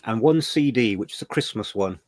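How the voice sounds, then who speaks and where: On a livestream he co-hosts, an older Englishman looks back on old memories, chatty, emotional and mildly sweary. His voice is on the low side, animated and brisk, with a slightly mellow tone. No room sound is audible.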